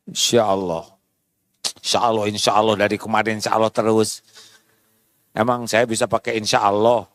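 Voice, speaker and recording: A preacher doing a grumbling sarcastic wife. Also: male voice, fairly low pitch, little pitch movement, moderate pace, a bit bright, slight background noise, pitched below the performer's own voice, natural voice.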